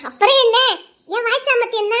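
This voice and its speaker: A talkative, sharp-tongued young village woman, voiced by a woman, speaking in a very high, bright voice with a Tirunelveli Tamil accent. She teases and answers back quickly in a chatty way. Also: steady tone. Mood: teasing. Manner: chatty, teasing, quick-witted. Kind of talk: dramatized storytelling.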